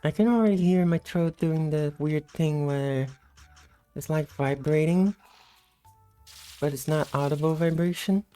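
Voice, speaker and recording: A woman giving casual, unhurried gameplay commentary in a sleepy, just-woke-up morning voice. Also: sits low, warm tone, faint music behind. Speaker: gameplay host.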